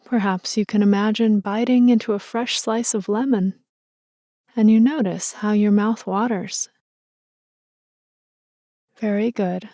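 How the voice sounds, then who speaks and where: This meditation guide is a woman of medium pitch whose intonation stays fairly even as she speaks slowly and softly. Her mellow tone feels gentle, soothing, almost maternal. There is no room sound at all, just a dry, close capture.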